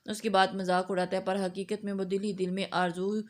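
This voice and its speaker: A woman reading a romance novel aloud in steady scripted narration. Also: mid-range voice.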